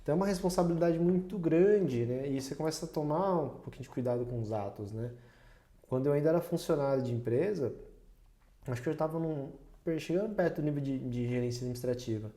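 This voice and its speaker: Man talking in a warm, roomy podcast room. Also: fairly high pitch, quick pace. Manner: reflective storytelling, laughs often at himself. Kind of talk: casual podcast conversation. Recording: roomy echo.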